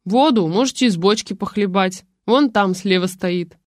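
A grumpy old man living alone in a shack, grumbling short, folksy replies and brushing off his visitors, as a woman reads his lines. The voice sits at a middling pitch and sounds dry and close. This is storybook narration. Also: normal speed, dry recording, close to an everyday voice.

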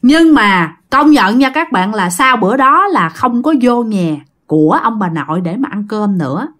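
Lady telling a ghost story, fairly high voice, very lively up and down. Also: normal speed. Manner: chatty, addresses listeners directly, laughs.

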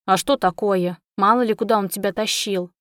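A woman's voice: mid-range voice, fairly even intonation, moderate pace, fairly bright tone, dry recording, clean studio sound, lightly acted. A woman voicing a brash, sardonic young friend who teases and pushes in an audiobook. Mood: reproachful. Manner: wry, teasing, pushy.

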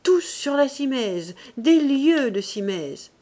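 A woman voicing a successful young male painter, speaking in an emphatic, exclamatory way at a slow reading pace. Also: sits high, sing-song, warm tone, pitched above the performer's own voice, exaggerated voice.

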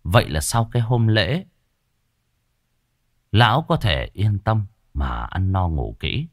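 Guy telling a spooky folk tale, low voice, lots of rise and fall, dry close mic. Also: big pitch swings, no echo. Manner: slow, dramatic, folksy storytelling. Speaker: storyteller. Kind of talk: spoken horror story narration.

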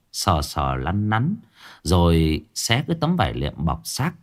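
A man narrating a ghost story in a dramatic, vividly expressive style. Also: low voice.

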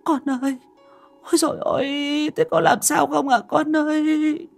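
A man's voice: very high voice, steady tone, moderate pace, creaky, soft background music, pitched above the performer's own voice. A man wailing as a distraught old mother. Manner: wailing, moaning.

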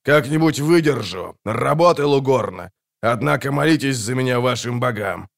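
A man voicing a gruff dwarf who talks through gritted teeth and barks angrily. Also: mid-range voice, animated, normal speed. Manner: hissing, gruff. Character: gruff angry male dwarf.

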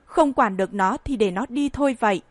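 A woman's voice: on the high side, fairly quick, dry recording, close to an everyday voice. A woman reading an audiobook voices a stern, disappointed old grandfather who scolds and sighs. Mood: weary. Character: stern old grandfather, head of a rich family.

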